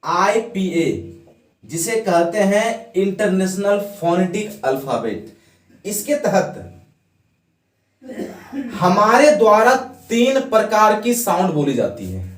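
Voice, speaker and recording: A man teaching an English grammar lesson, talking slowly in a high voice that swoops up and down. He asks questions and answers them himself. The sound is roomy and a little distant from the mic. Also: very animated. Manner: explains by asking the students questions and then answering them; has the class repeat words after him. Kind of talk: classroom lesson.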